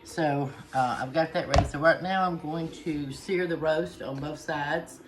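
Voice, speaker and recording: A woman's voice: low-pitched, unhurried, over music. A middle-aged woman, chatting through a home cooking demonstration with many "uh" fillers. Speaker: home cook. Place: home kitchen. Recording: noisy home kitchen ambience.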